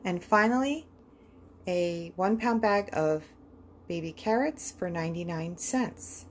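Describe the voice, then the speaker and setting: A woman with a fairly low voice narrates her budget grocery video, reading off each item and what it cost in a calm, steady list. It is a home-recorded voice-over with a faint hiss of room ambience behind it. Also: measured pace.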